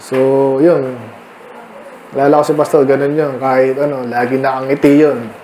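A man's voice: mid-range voice, level tone, moderate pace, a little mellow, echoey room, a little hiss or hum, rough recording. A male pastor with a Filipino accent leading a midweek Bible study, talking in a conversational way and calling on listeners by name to answer. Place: church meeting room.

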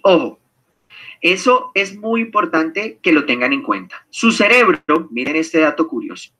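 A man runs a seminar in a bright, forceful voice that sits high for a man. He swings his pitch around a lot and keeps firing questions at his audience. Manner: lively, animated, engages the audience with questions. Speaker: seminar leader. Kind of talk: online seminar teaching.

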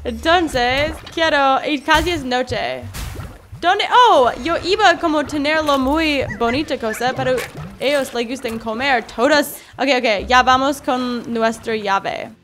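High-pitched young woman playing a game. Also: slow pace, fairly bright tone. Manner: chatty, talks to game creatures, squeals and laughs when startled. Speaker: gaming video creator. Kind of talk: casual gameplay commentary. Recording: faint background game music.

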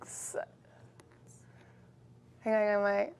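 A woman chatting during a party game, her voice husky from being lost, giggly and easily sidetracked. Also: medium pitch, little pitch movement, slow pace, darkish tone. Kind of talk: casual game-show chat.

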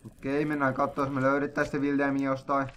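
Narrating a let's play, this young gaming host speaks at a medium pitch, joking around excitably and occasionally breaking into sudden loud outbursts.

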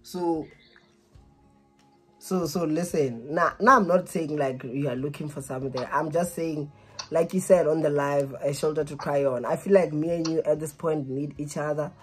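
Soft music plays behind a fairly high-pitched man in his twenties who speaks at a moderate pace with fairly even intonation. The vlogger is making a prank phone call, casual, hesitant, repetitive and pleading, recorded close up in a small room.

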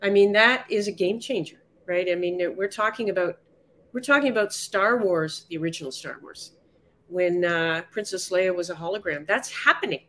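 A woman guest conductor talking with excited, emphatic enthusiasm in a casual interview. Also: lowish voice, moderate pace, a little hiss or hum.

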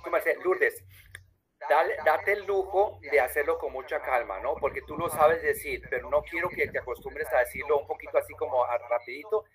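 A man teaches German in an online class over a video call, patiently drawing out each word slowly. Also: on the high side, a bit bright, rough recording.

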